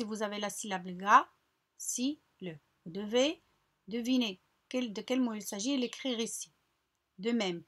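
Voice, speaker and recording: A woman teacher slowly guiding children through a French workbook lesson, repeating words and spelling out syllables patiently. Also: mid-range voice, fairly bright tone. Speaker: primary school teacher. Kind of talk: recorded lesson walkthrough.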